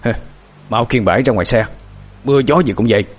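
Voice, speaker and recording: A man voicing a harsh, cruel old male landlord in a spoken horror story, gruff and scolding. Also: mid-range voice, fast talker, faint music behind, natural voice. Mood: angry.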